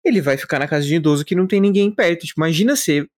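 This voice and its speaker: A young man in casual podcast chat, talking fast and excitably, swearing loosely. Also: a little high. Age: young adult.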